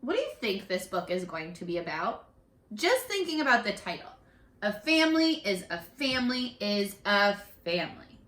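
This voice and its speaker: A woman who teaches primary school reads aloud interactively to young children, her medium-pitched voice animated and warm with encouragement. She pauses often to ask questions and hear answers, recorded at home in a living room with a roomy echo.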